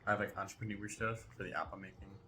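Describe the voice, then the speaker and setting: A young man talking casually to camera in a devlog, relaxed and rambling as he explains his work. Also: fairly low pitch, rapid-fire, a little hiss or hum. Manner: relaxed, rambling, self-correcting. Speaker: vlogger and self-taught developer.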